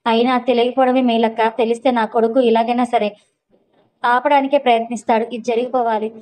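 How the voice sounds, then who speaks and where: A woman's voice: a little high, little pitch movement, fast talker, darkish tone, natural voice, rough recording. A woman voicing an agreeable middle-aged mother with a sly streak in a spoken story.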